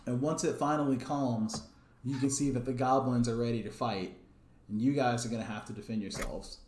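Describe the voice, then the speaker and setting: A man running a tabletop game as dungeon master, narrating in a relaxed, halting way with many fillers. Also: medium pitch, reverberant, slight background noise.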